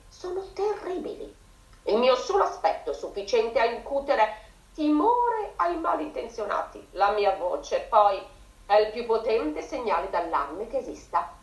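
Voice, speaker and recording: A woman voicing a pompous shrill rooster. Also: reverberant. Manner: pompous, bragging, then shrill panicked shouting. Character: boastful proud male rooster farm guard.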